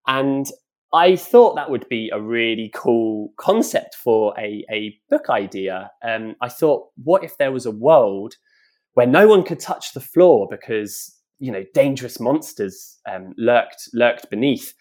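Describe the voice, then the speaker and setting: A man's voice: medium pitch, expressive, a little slow, darkish tone. A man, a children's author who chats in a podcast interview, laughs often, and reads his book aloud with drama.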